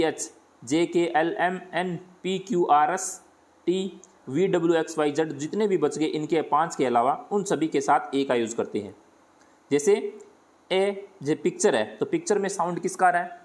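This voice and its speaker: Teacher voice: man with a Hindi accent, slightly high-pitched, patient step-by-step grammar explanation. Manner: explains step by step, asks and answers his own questions. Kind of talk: grammar lesson.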